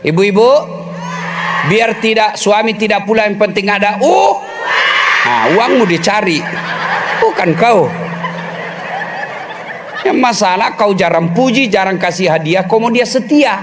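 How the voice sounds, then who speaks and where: A man's voice: high voice, lively intonation, measured pace, long pauses, background noise. A man preaching a humorous sermon, teasing the crowd and acting out little voices of husbands and wives.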